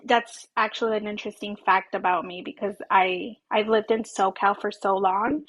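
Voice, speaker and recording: A Southern California woman in her twenties, a podcast guest, speaks at a moderate pace in a steady, mid-range voice. She's hesitant, full of ums and likes and soft, shy laughs, in a casual interview chat captured on a rough recording.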